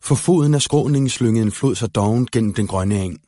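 A man calmly narrating a fairy-tale storybook aloud. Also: fairly low pitch, no room sound, clean studio sound. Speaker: audiobook narrator.

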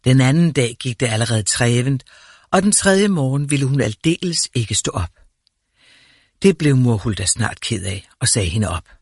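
A man narrating a fairy tale in a calm, measured storytelling manner. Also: mid-range voice, husky, no room sound, clean studio sound.

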